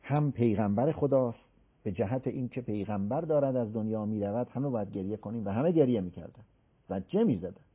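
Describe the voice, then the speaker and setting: A man explaining a religious text in an interview, slowly reciting scripture and acting out the people he quotes. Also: mid-range voice, slightly rough. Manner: animated, acts out the people he quotes. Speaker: religious scholar explaining hadith. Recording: tinny phone-like sound.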